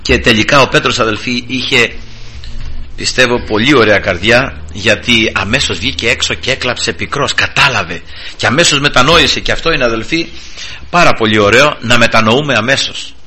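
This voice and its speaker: Preaching fervently, this man has a bright, ringing voice with a breathy edge. He restarts in halting bursts, repeatedly addresses the congregation as brothers, and swings sharply between quiet lows and loud highs.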